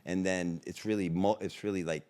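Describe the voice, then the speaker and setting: A man's voice: low voice, steady tone, a little fast, darkish tone. A man in his sixties with a Rhode Island accent, talking loosely as a podcast guest and laughing often. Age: 60s. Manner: laid-back, rambling, laughs often. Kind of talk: casual chat.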